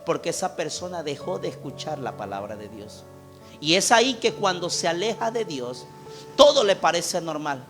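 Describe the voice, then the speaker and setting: A man preaching a sermon as pastor in a church, impassioned, swinging from loud calls to hushed appeals. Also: on the high side, big pitch swings, normal speed, soft background music.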